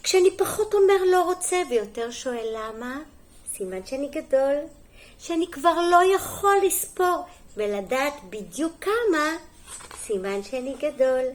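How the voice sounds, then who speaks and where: A middle-aged kindergarten teacher reading a storybook aloud to young children, gentle and sing-song, pausing for little asides and questions. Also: female voice, high voice, very animated.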